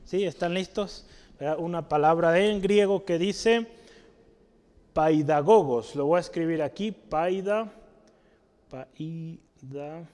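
A man teaching a Bible study, explaining word roots slowly and quizzing the congregation with tag questions. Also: sits high, darkish tone, smooth. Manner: asks the audience questions often, tag questions like "¿sale?". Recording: long hall reverb.

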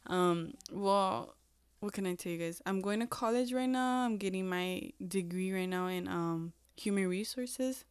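A young woman in her twenties chats on her own podcast, rambling and self-deprecating with lots of "like" and "um". Her voice is smooth and clear. The sound is dry and close, with no room around it. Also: medium pitch, measured pace, no echo. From United States. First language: Spanish. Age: 20s. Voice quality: chatty and self-deprecating, heavy use of "like" and "um". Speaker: podcast host. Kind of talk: casual solo podcast chat.

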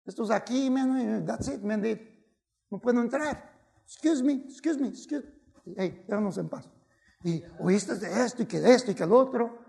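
Gravelly high-voiced preacher, slow delivery. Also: male voice. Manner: switches between Spanish and English, exclaims and shouts at peaks. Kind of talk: bilingual sermon to youth.

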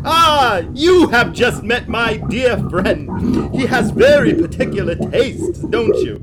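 A man's voice: very high-pitched, big pitch swings, takes it slowly, heavy background noise, exaggerated voice. An actor playing a slick, gleefully sinister traveling salesman in an audio western, with pompous, showy patter. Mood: gloating. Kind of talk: audio western comedy drama acting.

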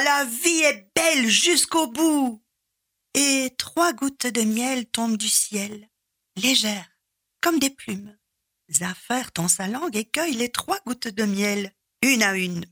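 A woman storyteller telling a folk tale expressively, with dramatic pauses and repeated refrains. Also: mid-range voice, vocal fry, fairly bright tone, breathy edge, dry recording, clean studio sound.

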